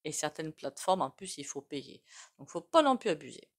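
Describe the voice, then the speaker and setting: Chatty French tarot-reading woman, low voice. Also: very animated, fairly quick. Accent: regional French. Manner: chatty, rambling, with many fillers and self-asides. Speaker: tarot reader. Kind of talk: casual tarot reading to camera.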